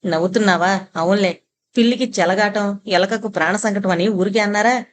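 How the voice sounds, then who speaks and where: A woman's voice: mid-range voice, a little fast, natural voice. Lady voicing a cheeky young guy, sulky and teasing, faint hiss. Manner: teasing, sulky, shouts dramatically. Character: playful cheeky young man.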